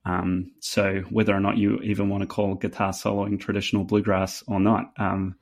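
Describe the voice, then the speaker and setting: Casting: New Zealand-accented male musician guest, low gravelly voice, hesitant chatty delivery. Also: completely flat delivery. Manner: halting, many fillers and restarts. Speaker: fiddle player guest. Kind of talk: casual interview chat.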